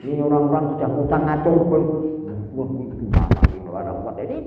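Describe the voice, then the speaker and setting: An older man giving a lively, joking sermon and putting questions to the listeners. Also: on the high side, quick pace, noisy background. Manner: lively, jokey, questions the audience. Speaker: preacher. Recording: echoey hall, far from mic, tinny.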